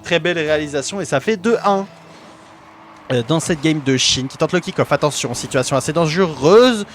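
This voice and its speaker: A man's voice: a little high, animated, normal speed, a little hiss or hum. A man giving amateur play-by-play commentary on an esports match for his own team, hesitant, with many fillers and self-corrections.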